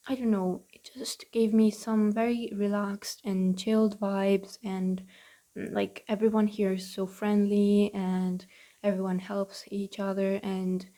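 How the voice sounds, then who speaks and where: A young woman murmurs a relaxed voice-over almost under her breath, her tone soft and mellow. She talks in an even, flat way and pauses often with little fillers as she goes. She is recording quietly in her bedroom at home. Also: mid-range voice. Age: young adult. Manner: hesitant, with many fillers. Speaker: gaming channel host. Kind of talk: casual voice-over for a building video.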